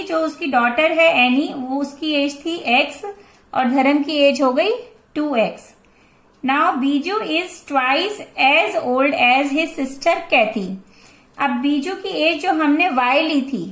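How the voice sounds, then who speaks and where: A woman's voice: sits high, a bit bright, echoey room. A woman in her forties with an Indian accent, teaching a math lesson and patiently explaining a problem step by step, switching between Hindi and English. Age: 40s.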